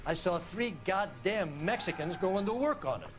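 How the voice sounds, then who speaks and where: An actor playing a gruff, defensive, cranky old male neighbor questioned as a witness in a crime game. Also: high-pitched, big pitch swings, moderate pace. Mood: combative. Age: older. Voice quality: gruff, defensive, coarse-spoken.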